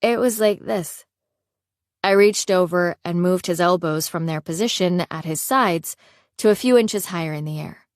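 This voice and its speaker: A woman's voice: lowish voice, normal speed, no echo, clean studio sound, natural voice. A woman voicing an eager, geeky young woman with a crush, talking in a flustered way.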